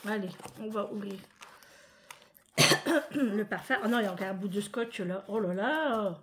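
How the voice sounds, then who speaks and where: A woman from France chatting casually to her viewers in a vlog, emotional and expressive. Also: mid-range voice, measured pace, slight background noise. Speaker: vlogger. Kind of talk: casual chat.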